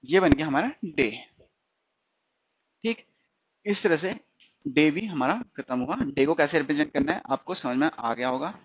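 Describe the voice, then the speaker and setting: A man teaching a stenography lesson, asking his students questions and answering them himself, repeating each sound slowly. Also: fairly high pitch, expressive, slightly rough, dry recording, lo-fi sound. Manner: slips into English definitions. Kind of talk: recorded shorthand lesson.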